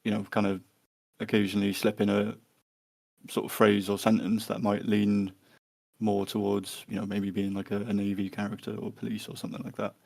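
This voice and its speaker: A man's voice: lowish voice, level tone, fairly quick, creaky, darkish tone. A man answering interview questions in a hesitant way, with many fillers and restarts. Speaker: guest.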